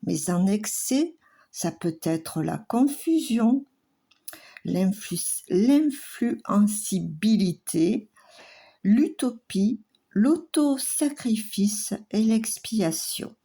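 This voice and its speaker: Slow, halting woman astrologer. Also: mid-range voice, gravelly, warm tone, slightly rough. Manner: slow, halting delivery with fillers. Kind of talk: weekly astrology forecast.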